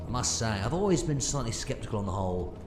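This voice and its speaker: A man's voice: lowish voice, very animated, quick pace. A man playing an eccentric, scatterbrained alien time traveller in an audio drama, rambling and hesitating theatrically. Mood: curious, breezy. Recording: roomy sound with music behind.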